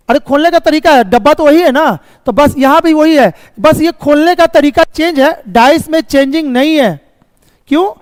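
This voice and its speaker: A man with a very high-pitched voice teaches a reasoning class in a live online lecture, walking through each step, checking often whether students are following, and now and then scolding them about the course. The recording is dry, set in a large hall.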